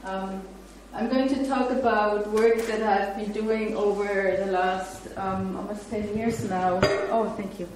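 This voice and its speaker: With a steady, mid-range voice and a measured pace with hardly any pauses, a middle-aged woman whose first language is German delivers a guest academic lecture in English, reading from her paper. She laughs easily and chats with the audience between readings. A room mic on a far camera records her in a bright indoor lecture room with a projector screen, echoey and faintly noisy.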